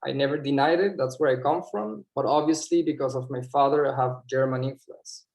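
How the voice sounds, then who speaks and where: A man's voice: medium pitch, brisk, darkish tone. Guy, english, giving an impromptu answer on a video call, keeps restarting. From Venezuela. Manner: hesitant, repeats words, searches for English terms.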